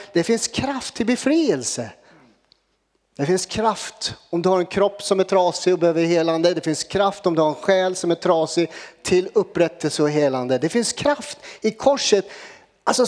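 High-voiced man preaching in a reverberant hall. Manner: lively preaching, jokes with the congregation. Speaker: pastor. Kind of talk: sermon with prayer. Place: church hall with long reverb.

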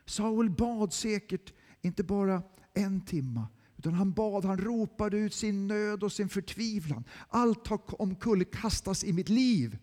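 A man preaching a dramatic sermon, his high voice ringing out through a church with a long, lingering reverb. He swings from near-shouted cries down to hushed whispers. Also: lively intonation. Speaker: pastor.

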